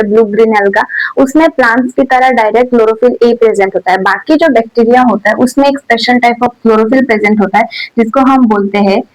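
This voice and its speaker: A woman teacher giving a botany lecture, speaking softly into a new mic and checking in with "theek hai" and rhetorical questions. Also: fairly high pitch, poor audio. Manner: says "theek hai" and "dekho" constantly, asks rhetorical questions; speaks softly and holds back her volume. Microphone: newly bought mic.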